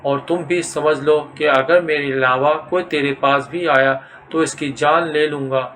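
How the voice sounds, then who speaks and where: A man's voice: a little high, fairly even intonation, fairly bright tone, natural voice. A man voicing a possessive, jealous young male jinn who threatens from a tree. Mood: menacing. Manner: menacing, boastful threats.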